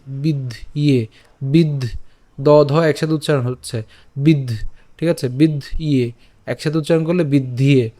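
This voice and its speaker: Male teacher, slightly high pitch, patient syllable-by-syllable pronunciation coach, slow chanted recitation. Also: dark tone. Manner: breaks words into syllables, asks "ঠিক আছে?" often; slow, drawn-out verse recitation. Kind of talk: step-by-step Sanskrit pronunciation lesson.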